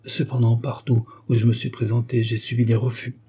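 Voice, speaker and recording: A man's voice: mid-range voice, flat delivery, fairly quick, mellow, slightly rough. A man voicing a proud young French governess who speaks with hesitant, emotional pleading. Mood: wounded pleading.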